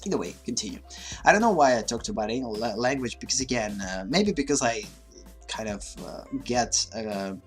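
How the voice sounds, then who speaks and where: With lively intonation and a medium pitch, a man talks at a moderate pace over faint music. He's a livestream host, a native Russian speaker using English with a mixed, slightly Russian accent, and his casual monologue stumbles through fillers and restarts.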